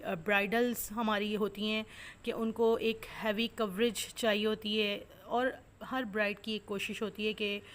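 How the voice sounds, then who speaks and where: A woman makeup artist, narrating a makeup tutorial step by step, explaining products and techniques. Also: a little high. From Pakistan. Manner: instructive, step-by-step explanations with many fillers.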